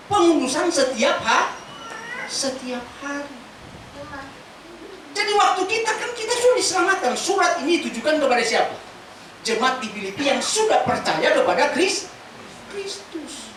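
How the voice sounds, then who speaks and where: A woman pastor preaching a sermon, lively and chatty, asking the congregation questions as she teaches. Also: high voice, a little hiss or hum. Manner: casual spoken Indonesian mixed with scripture teaching. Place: large church hall. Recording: very echoey church hall from far off.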